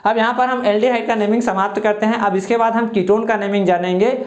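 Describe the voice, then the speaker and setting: A man's voice: sits high, steady tone, quick pace. A man teaching a chemistry lesson, asking questions and answering them himself while stretching out key terms. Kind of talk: classroom lecture with call-and-response. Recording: roomy, muffled lo-fi sound.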